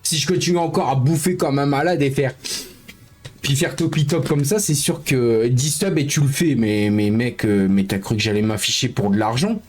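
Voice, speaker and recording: A man live streaming, chatting casually with his viewers, joking in mock indignation and sometimes turning low and downbeat. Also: normal speed, a little mellow, faint music behind. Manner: talkative, jokey mock-indignation, mumbling and downbeat at times.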